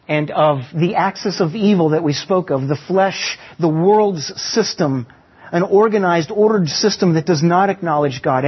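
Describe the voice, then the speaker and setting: Male pastor, fairly high husky voice, sermon on a muffled lo-fi recording. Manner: teaching with illustrations and slow emphatic pauses.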